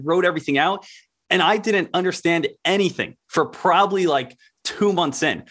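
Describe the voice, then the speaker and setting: A man's voice: on the high side, a bit bright. A man on a casual podcast, explaining things earnestly with lots of fillers.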